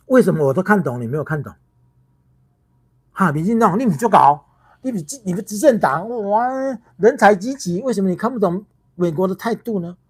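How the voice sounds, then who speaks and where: A man's voice: sits high, a little mellow, husky. Taiwanese mandarin guy ranting on a political livestream, lots of rhetorical questions, keeps restarting. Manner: heated, scolding, rhetorical questions with many restarts. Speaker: political commentator.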